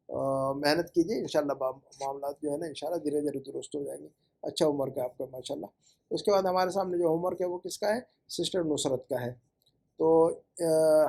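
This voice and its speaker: Guy teaching arabic grammar, goes over homework, repeats stuff slow and patient. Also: a little high, a little mellow. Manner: patient, correcting and repeating forms slowly. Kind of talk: homework review lesson.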